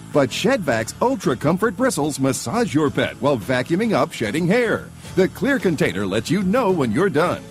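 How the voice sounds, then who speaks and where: A man delivering a scripted infomercial sales pitch as an emphatic announcer.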